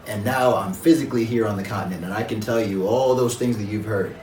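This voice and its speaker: A man from Jamaica, a guest in an interview, speaking in a measured, reflective way with frequent pauses and fillers. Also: fairly low pitch, a little mellow, reverberant, distant mic, slight background noise, rough recording. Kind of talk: conversational interview.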